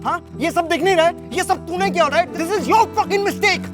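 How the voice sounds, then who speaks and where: A hot-tempered young brother, scolding his sister with a sharply high voice. Music runs under the argument. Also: normal speed. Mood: angry. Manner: heated, scolding.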